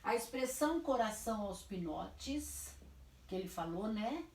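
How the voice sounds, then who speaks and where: A woman's voice: mid-range voice, lively intonation, unhurried, darkish tone, roomy sound. A woman teacher with a Brazilian Portuguese accent gives a class lesson for children. She stretches words out syllable by syllable and answers her own questions. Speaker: primary school teacher.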